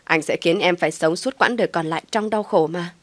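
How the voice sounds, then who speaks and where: A woman voicing a cruel, sneering young father who taunts and threatens in a harsh, loud voice. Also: fairly low pitch, a little fast, no echo, natural voice. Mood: menacing.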